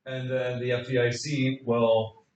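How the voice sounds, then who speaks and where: In a lo-fi, echoey classroom recording, a male economics teacher is heard from afar speaking unhurriedly in a medium pitch. Storytelling with energy, he acts out scenes and quizzes the students.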